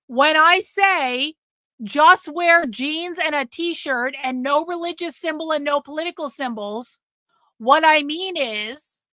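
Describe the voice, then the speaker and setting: High and sharp, with no room sound, this is a middle-aged woman hosting a livestream. She addresses chat casually and bluntly, swears freely, and repeats herself for emphasis while losing her voice.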